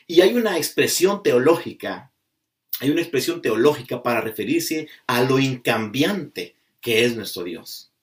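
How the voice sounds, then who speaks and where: A man preaching a sermon, slow and emphatic, stretching out key words as he drives a point home. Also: medium pitch. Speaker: pastor. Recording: voice from a distance off the mic.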